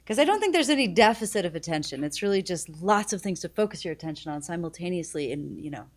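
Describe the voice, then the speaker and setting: A woman's voice: lowish voice, sing-song. A woman co-hosting a live local TV show, playful and curious in casual banter. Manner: playful, curious, quick to chime in. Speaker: co-host.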